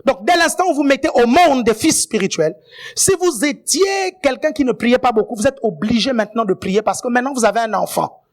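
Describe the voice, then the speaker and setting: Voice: medium pitch, animated, brisk. A guest preacher giving a sermon, often checking in with the congregation and adding playful asides.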